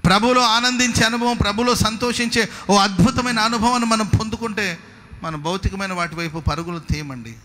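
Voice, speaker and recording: A man preaching a sermon as pastor, emphatic, swinging between loud exhortation and soft asides. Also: high-pitched, fairly quick, a little hiss or hum. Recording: long hall reverb.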